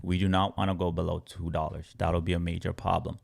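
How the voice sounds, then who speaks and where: A man's voice: deep voice, little pitch movement, brisk, gravelly. A man from Congo, a crypto trading educator, answering viewers' chat questions on a live stream with emphatic repetition and step-by-step chart talk.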